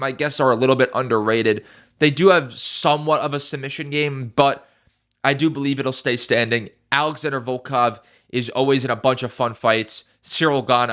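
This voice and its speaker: This MMA YouTuber, a young man with a congested, stuffy voice, makes casual fight predictions in a mid-range, bright, forceful tone. He is emphatic, repeats his points, and swears now and then.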